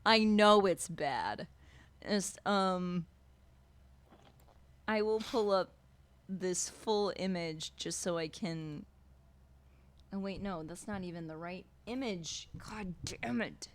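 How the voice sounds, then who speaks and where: A woman's voice: fairly low pitch, slow, pauses often. A woman running a live-streamed tabletop game as game master, chatty and self-deprecating with many fillers.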